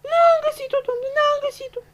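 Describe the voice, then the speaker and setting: A shrill, stammering, weepy young bride-show winner. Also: female voice, a little hiss or hum. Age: young adult. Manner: stuttering, repeating syllables, near tears. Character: giddy, tearful young female reality-show winner who stutters and loses words. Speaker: interviewee. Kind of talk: comedic sketch acting.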